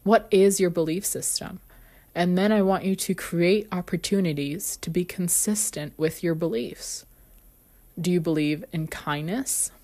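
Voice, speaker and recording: A woman's voice: lowish voice, a little slow, mellow. A woman hosting a motivational self-help podcast, telling personal stories earnestly with frequent light laughs. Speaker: podcast host.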